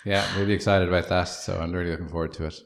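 A film producer answers interview questions in a relaxed, rambling way full of fillers. His voice is low-pitched with vocal fry, and he talks very fast.

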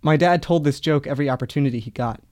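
A man's voice: on the high side, quick pace, a little mellow. Young man narrating his own feature. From Los Angeles, United States. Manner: conversational, curious reporting. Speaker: student reporter. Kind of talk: first-person narrated feature.

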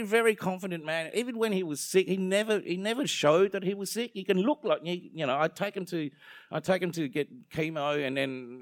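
A young adult man with an Australian accent is interviewed, talking casually and joking in a rambling, self-deprecating way that drifts onto tangents. His voice is a little high, and the studio recording is clean with no room sound.

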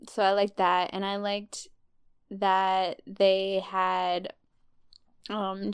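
A woman's voice: medium pitch, clear, resonant tone. A woman co-hosting a podcast, chatting casually in a rambling way. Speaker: podcast co-host. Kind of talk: casual chat.

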